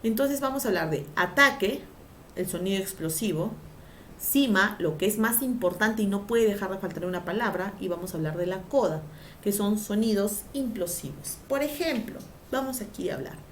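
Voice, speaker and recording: Animated woman teaching a grammar lesson. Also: mid-range voice, normal speed, a little hiss or hum. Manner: animated, stresses syllables by drawing them out; asks pupils questions and answers them herself.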